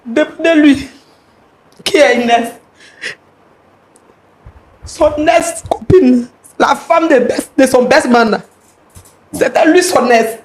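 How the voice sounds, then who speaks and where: A woman's voice: high voice, slow, pauses often, roomy sound, slight background noise. A woman confronting her husband on a mediation show, accusing him and repeating her questions insistently. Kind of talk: heated confrontation.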